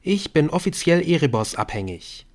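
A man reading an audiobook, voicing a quick-witted teenage girl with a dry, deadpan manner. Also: on the high side, pitched above the performer's own voice. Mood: determined.

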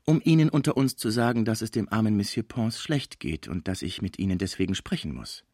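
A man voicing a scheming, fawning older female portress in an audiobook, flattering and pushy. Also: on the low side, brisk, no room sound, clean studio sound. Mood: wheedling. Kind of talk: audiobook character voice.

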